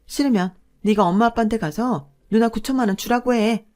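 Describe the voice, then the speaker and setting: Brief: greedy, hot-tempered middle-aged woman, played by a female narrator, loud and bossy. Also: a little high, fairly quick, natural voice. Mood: furious. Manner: bossy, scolding, loud in anger.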